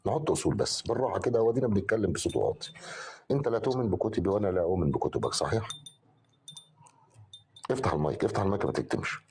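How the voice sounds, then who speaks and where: A man with an Egyptian Arabic accent in an online religious debate, calmly repeating terms of endearment to slow the other side down. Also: fairly low pitch, a little hiss or hum. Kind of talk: live debate.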